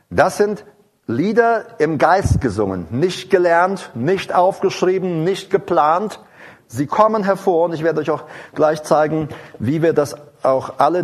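A man preaching an informal sermon in a rambling, digressive way, with many fillers and restarts, breaking into sung praise and tongues between sentences. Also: fairly high pitch.

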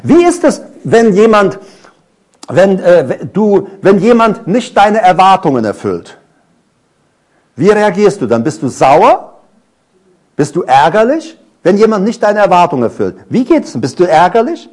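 A middle-aged man preaching a sermon, animated, asking his congregation question after question and telling stories from his own life. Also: high voice, unhurried. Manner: tells personal stories.

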